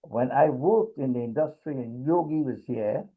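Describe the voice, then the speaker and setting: A middle-aged man from Trinidad, speaking haltingly in a casual discussion with many pauses and fillers. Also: mid-range voice, slightly rough. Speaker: discussion participant. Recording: tinny phone-like video call audio.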